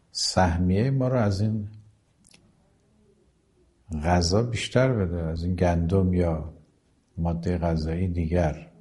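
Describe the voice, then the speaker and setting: Low-voiced man giving a religious talk. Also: creaky, dark tone. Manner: quotes Arabic passages slowly, then explains them plainly. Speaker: preacher. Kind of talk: religious lecture.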